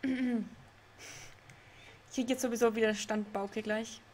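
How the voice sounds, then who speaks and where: A woman's voice: on the high side, steady tone, takes it slowly, a little mellow, slight background noise. A young woman streaming a game live, chatting with her chat, laughing often and getting confused. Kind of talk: live let's play with chat reading. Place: home room.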